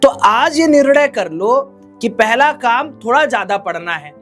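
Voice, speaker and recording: A man's voice: very high voice, animated, measured pace, fairly bright tone, faint music behind. A male exam coach giving direct, exhorting study advice to students, speaking straight to them as friends.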